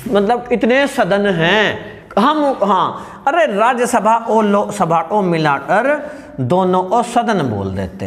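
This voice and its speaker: A man teaching a lively class, asking questions and answering them himself, joking with the students and raising his voice to stress points. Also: high voice. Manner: shouts at times to stress a point.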